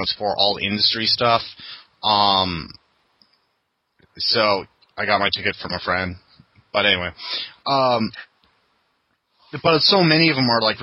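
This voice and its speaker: A man's voice: on the low side, pushed and bright, no room sound, low-quality recording. A man hosting a casual podcast chat, talking loosely and laughing often. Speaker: podcast host.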